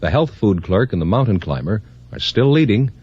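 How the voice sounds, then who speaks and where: A man's voice: lowish voice, big pitch swings, brisk, a little mellow, slightly rough. A man announcing for a quiz program on an old 1950s radio broadcast, in a formal announcer manner. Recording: muffled vintage radio with faint hiss.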